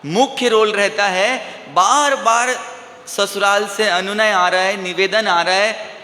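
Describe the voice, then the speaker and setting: Male preacher, high and bright, slow storytelling sermon, quizzes the crowd and answers himself, echoey hall. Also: steady tone. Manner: asks the audience rhetorical questions and answers them himself; slow, drawn-out storytelling delivery. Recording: echoey hall with faint ambience.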